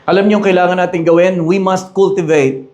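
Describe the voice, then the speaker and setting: A male pastor preaches with firm emphasis. He slows down on key phrases and mixes English into his preaching. His voice sits notably high for a man. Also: steady tone, darkish tone. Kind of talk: sermon.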